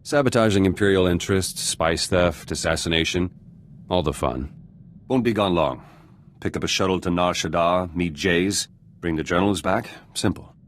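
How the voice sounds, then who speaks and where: A man performs a video game's gruff, cynical revolutionary turned politician, using a very deep voice at a moderate pace and light acting. He sounds resolute and curt, biting off terse, blunt phrases. Faint ambient noise sits behind the voice.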